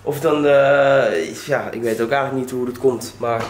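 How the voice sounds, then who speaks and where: A man's voice: medium pitch, fairly even intonation, moderate pace, reverberant, noisy background. A young man chatting casually to his viewers in a vlog, rambling and addressing them directly. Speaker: vlogger. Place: indoors at home.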